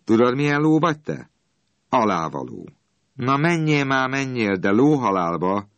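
A man voicing a gruff working-class iceman who hollers coarsely at his horse in an audiobook. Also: medium pitch, very animated, a bit bright, no echo, pitched above the performer's own voice. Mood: scolding.

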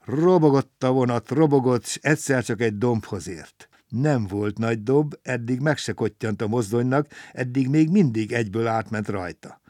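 A man reading a children's story aloud in a lively, expressive way. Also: medium pitch, few pauses, dry recording, studio quality.

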